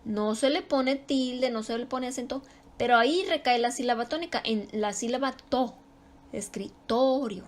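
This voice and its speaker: Woman teacher going over grammar rules, slightly high voice, says the example words over with extra stress. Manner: explains slowly, repeats example words with stress. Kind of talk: spoken grammar lesson.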